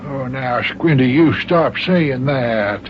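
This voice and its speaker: A man's voice: medium pitch, slow, lightly acted. A man playing a timid, self-important older mayor, folksy and hesitant, stammering in a children's radio serial. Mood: evasive, blustering. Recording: noisy, muffled old radio recording.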